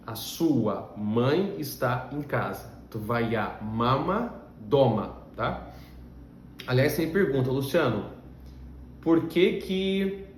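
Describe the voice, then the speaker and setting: A man from Russia, a native Russian speaker, teaching a language lesson with patient, step-by-step explanations and frequent check-in questions. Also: medium pitch. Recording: roomy echo with faint background hum.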